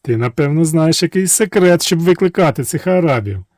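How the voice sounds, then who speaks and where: A tricky young princess from a storybook tale, as a male narrator puts her on, shrill and high-pitched. Her cries leap up loudly, and she coaxes and pleads. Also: lively intonation, a little fast, no echo, studio quality, lightly acted. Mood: coaxing.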